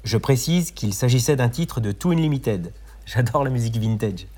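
A man doing a well-meaning, bumbling male inspector in a comedy audio drama. He speaks courteously and a bit pedantically, with a husky edge to his voice. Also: medium pitch, expressive, normal speed, warm tone, close to an everyday voice. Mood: pedantic. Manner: polite, clumsy, pedantic.

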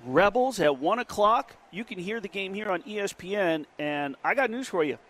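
A man hosting a sports betting radio show, giving emphatic, rapid-fire opinions from a casino sportsbook studio. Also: high voice, expressive, a bit bright.

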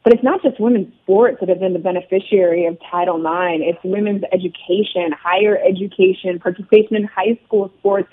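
A woman's voice: mid-range voice, fairly even intonation, a little fast, hardly any pauses. A woman sports broadcaster interviewed by phone on a radio show, articulate and earnest. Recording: tinny phone line.

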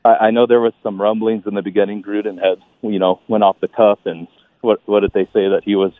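A man's voice: fairly low pitch, flat delivery, fast talker, no echo. A man calling a sports show, casually and enthusiastically giving his opinion, restarting and stacking his phrases. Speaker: phone-in caller. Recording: tinny phone line.

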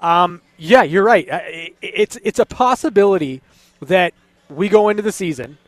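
A male co-host on a sports talk show, pitched a bit higher than most men. The sound is very dry, with no room echo. He talks casually, doubling back on words as he reasons out his analysis. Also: animated. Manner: halting, repeats words as he thinks aloud.

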